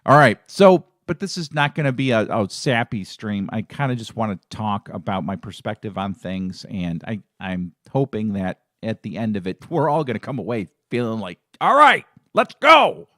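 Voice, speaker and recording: A man's voice: on the low side, moderate pace, few pauses, dry recording, studio quality. A middle-aged man hosting a fan live stream, talking in a casual, emotional and rambling way with many restarts. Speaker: fan channel host.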